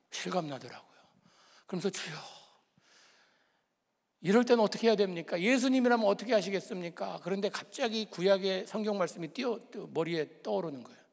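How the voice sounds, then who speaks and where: A middle-aged man preaching, a pastor telling a personal story with emotion, moving between lively and hushed tones. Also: high-pitched, creaky, in a large hall.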